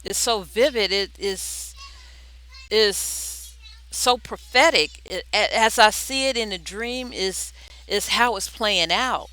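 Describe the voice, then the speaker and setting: A person giving an impromptu religious exhortation like a video diary, pleading earnestly and urgently, often repeating words in a halting way. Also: medium pitch, pushed and bright, rough recording. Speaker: video diarist sharing prophetic dreams.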